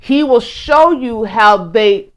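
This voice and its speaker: Woman co-host, high and very animated voice, outspoken and lively. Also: slow pace. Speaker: co-host teaching. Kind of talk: casual teaching chat.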